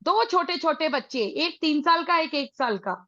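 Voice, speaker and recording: A middle-aged woman with an Indian accent leading a motivational parenting session, mixing Hindi and English with emphatic, drawn-out phrases. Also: high voice, expressive, pushed and bright, no echo, lo-fi sound. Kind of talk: motivational talk to a live group.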